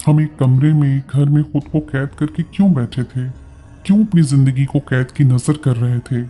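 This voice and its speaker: A male storyteller with a Pakistani Urdu accent reads a first-person tale in a steady, earnest voice. His tone is very dark and mellow, with faint music under it. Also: medium pitch, normal speed.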